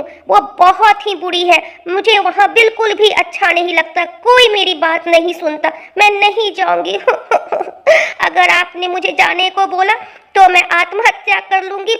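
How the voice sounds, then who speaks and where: A woman's voice: extremely high pitch, fairly even intonation, normal speed, fairly bright tone. A young woman voicing a sulky newlywed bride in a cartoon story, whining and talking back. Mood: pleading. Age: young adult. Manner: whiny, talks back.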